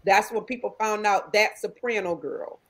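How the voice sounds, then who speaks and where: A woman guest, a gospel singer, telling her story in an animated way over a video call, often laughing. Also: medium pitch, normal speed, low-quality recording.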